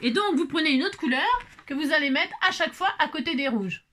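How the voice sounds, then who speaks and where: A woman walks viewers through a craft project in a casual, chatty way. Her voice sits fairly high and swings lively up and down. She fills her talk with little fillers and corrects herself as she goes. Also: brisk, slight background noise. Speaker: craft tutorial host. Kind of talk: casual step-by-step craft demonstration.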